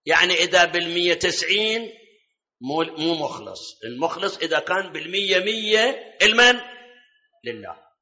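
A man's voice: high-pitched, sing-song, normal speed, bright, forceful tone. A man preaching a sermon, quizzing his listeners and quoting scripture. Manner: quizzes the audience, quotes scripture. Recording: dull lo-fi recording.

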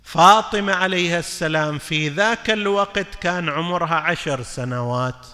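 Man, preacher, bright tense voice, long hall reverb. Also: on the high side, normal speed. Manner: mixes formal Arabic with colloquial asides, asks listeners questions. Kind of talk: religious lecture.

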